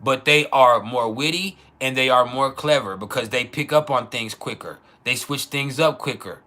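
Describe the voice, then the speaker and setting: A man's voice: medium pitch, moderate pace, pushed and bright. A man hosting an astrology livestream in a casual, profane, slangy monologue, repeating phrases for emphasis.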